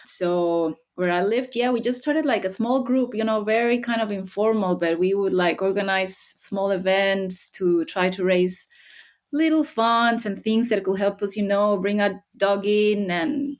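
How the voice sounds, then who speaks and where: A woman, a researcher talking as a guest in a relaxed interview, thoughtful and friendly, often laughing. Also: mid-range voice, a little slow. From Costa Rica. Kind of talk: casual interview talk.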